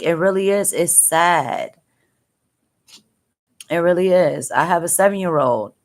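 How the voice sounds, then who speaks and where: Tearful mother on a livestream, low-pitched, halting, repeats herself, upset and angry. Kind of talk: emotional live-stream talk.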